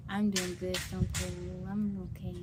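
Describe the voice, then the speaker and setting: Loud music plays under this American woman as she hosts a laid-back livestream, calling out viewers by name and mentioning she's hungry and jittery. Her lowish voice stays level and her pace is measured.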